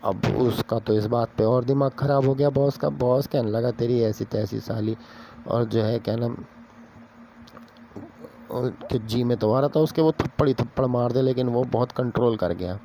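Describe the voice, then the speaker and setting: A man's voice: mid-range voice, moderate pace, dark tone, slight background noise. A man casually telling an office story aloud, acting out the characters' dialogue in a chatty way. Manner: chatty, acts out dialogue with raised voice.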